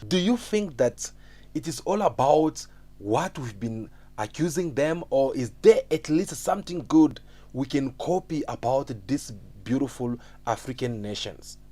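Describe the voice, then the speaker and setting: A man's voice: medium pitch, animated, measured pace, dark tone. A man speaks straight to his viewers in a mid-range voice. He wraps up a clip and asks them what they think of it. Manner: questioning the audience. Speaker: video narrator. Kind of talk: direct-to-viewer commentary.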